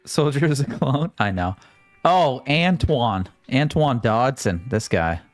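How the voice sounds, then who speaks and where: A male gaming streamer with a mid-pitched voice and lively, swinging intonation, chatting loosely and cracking jokes as he plays. Faint game music hums under his talk. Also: takes it slowly, no echo. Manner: loose, joking, swears freely. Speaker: gaming livestreamer. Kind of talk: casual gameplay commentary.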